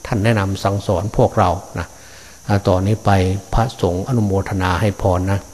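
An older man, a Buddhist monk, delivers a Dharma sermon in a fairly low voice. He talks unhurriedly and in a fatherly way, often pausing on hesitant fillers. He speaks to his listeners as his children and grandchildren. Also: fairly even intonation, a little mellow.

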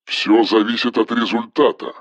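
A man reading an audiobook, voicing a cold, commanding engineer who gives flat, toneless orders over the phone in a metallic voice. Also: fairly low pitch, normal speed, no room sound, lo-fi sound, voice pushed down. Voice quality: metallic timbre.

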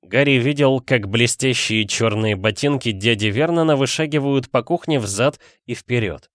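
Steady male audiobook narrator, dry sound. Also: medium pitch, moderate pace, no room sound.

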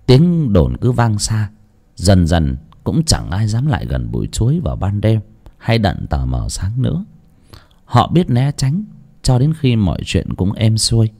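Guy narrating a spooky tale, super animated pitch, dark voice, music behind. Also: unhurried. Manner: dramatic, lively storytelling. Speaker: storyteller. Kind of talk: narrating a ghost story. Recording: music under the voice.

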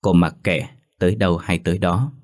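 A man narrating a story in a steady audiobook delivery. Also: low voice, a little fast. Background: faint music.

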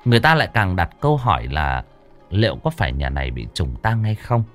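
A male storyteller tells a ghost story with a low voice and a very animated, swooping delivery. The recording is dry and close, with soft music underneath. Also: brisk. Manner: lively dramatic narration.

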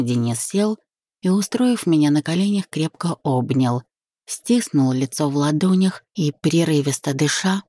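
A woman narrating a first-person romance audiobook in an even, intimate manner. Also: deep voice, no room sound.

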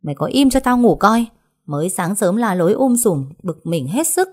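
A woman's voice: on the low side, sing-song, normal speed, mellow, breathy edge. A woman voicing a spoiled, short-tempered young man who snaps rudely. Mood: irritated. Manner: rude, snapping.

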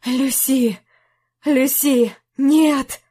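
A woman voicing an anguished shouting husband. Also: fairly high pitch, measured pace. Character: grief-stricken furious young husband. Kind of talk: audiobook character reading.

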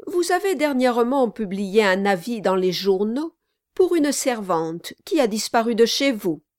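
Audiobook figure: woman reading a firm, formal male notary, stern and emphatic, high-ish voice. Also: sing-song, measured pace, a little mellow, no room sound, studio quality. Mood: triumphant.

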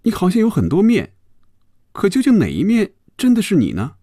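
A male storyteller voicing a young saleswoman who is touchy and earnest and gets shrill and quick when upset. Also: huge pitch swings, dark tone, breathy edge, no echo, clean studio sound.

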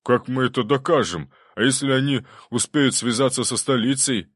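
A man's voice: medium pitch, moderate pace, husky, no echo, studio quality, pitched above the performer's own voice, natural voice. A man voicing an anxious, weak male governor who frets and pleads, then barks orders. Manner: fretful, pleading, bursts into barking orders.

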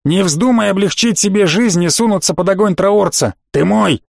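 Man voicing a rough, taunting corporal pilot, gravelly. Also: sits high, normal speed, darkish tone, dry recording, clean studio sound, pitched above the performer's own voice.

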